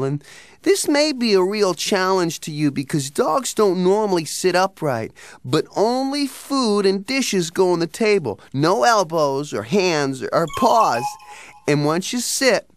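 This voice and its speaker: A woman's voice: medium pitch, big pitch swings, unhurried, dry recording. A woman voicing a fussy young boy in a cartoon who lectures and scolds about table manners. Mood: instructive. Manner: scolding, instructive. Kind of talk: cartoon voice acting.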